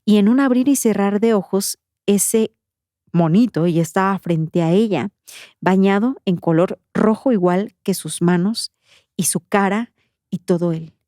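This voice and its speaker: Una presentadora de podcast con acento mexicano que narra de forma coloquial y expresiva, con voz de timbre apagado y cálido. La grabación es seca, de micrófono de estudio. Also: female voice, medium pitch, unhurried, dry recording, studio quality. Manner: slangy, animated retelling. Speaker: podcast host. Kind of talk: casual storytelling.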